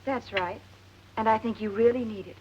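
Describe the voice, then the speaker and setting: A woman playing a brisk, frank, concerned colleague in a 1940s film comedy. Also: fairly high pitch, darkish tone, dull audio, lightly acted. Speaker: actress in a screwball comedy film. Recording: faintly noisy vintage film soundtrack.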